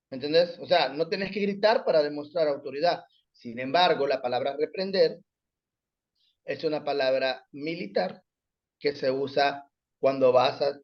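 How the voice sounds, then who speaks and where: A man speaking in an online class, telling a personal story with lively acted-out quotes. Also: fairly high pitch, dull audio. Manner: animated storyteller, acts out quoted shouts. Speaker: class participant.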